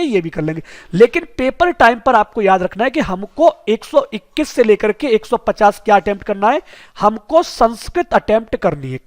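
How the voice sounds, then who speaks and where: A man teaching an exam-prep lesson who keeps asking rhetorical questions and calling the viewers his friends. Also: very high-pitched.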